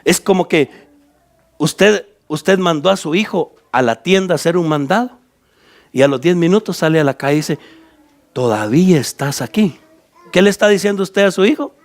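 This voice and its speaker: A man's voice: high-pitched, brisk. A Guatemalan man who is a pastor, teaching a Bible study to church leaders and explaining scripture point by point with direct questions to his listeners. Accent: Guatemalan Spanish.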